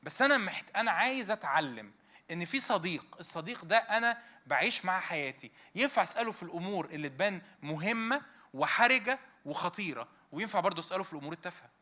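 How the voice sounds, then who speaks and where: A man's voice: high-pitched, very fast. A man in his thirties or forties with an Egyptian Arabic accent, preaching a conversational sermon to a youth meeting and firing rhetorical questions at his listeners. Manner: animated, fires rhetorical questions at the audience.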